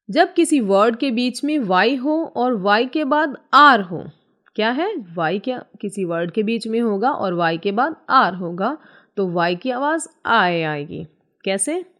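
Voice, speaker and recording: A woman teaching an English reading lesson in Hindi. She spells English words out letter by letter, repeats them slowly and checks in often with the class. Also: medium pitch. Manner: frequent "theek hai" check-ins.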